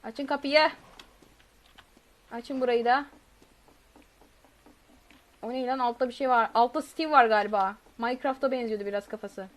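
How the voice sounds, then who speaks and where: This live game streamer has a fairly high-pitched voice with fairly even intonation and a moderate pace, broken by long pauses. She chats with viewers, reads their messages aloud, and shrieks when pursued in the game.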